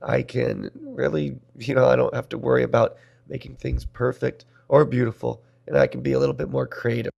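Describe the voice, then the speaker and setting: A man from Nebraska hosts a solo podcast, talking wryly and with self-deprecation. His voice is heavily gravelly and full of fry, and it sounds strained as he recovers from being poisoned. His pitch sits in an ordinary middle range. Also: flat delivery, fairly quick, darkish tone, lo-fi sound. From Nebraska, USA. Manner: wry, self-deprecating, talks about his own voice. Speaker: podcast host.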